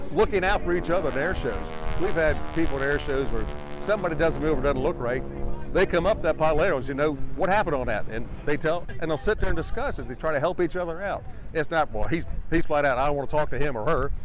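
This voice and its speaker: Higher-voiced man chatting, music behind him. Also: poor audio. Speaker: airshow announcer. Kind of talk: casual interview answers.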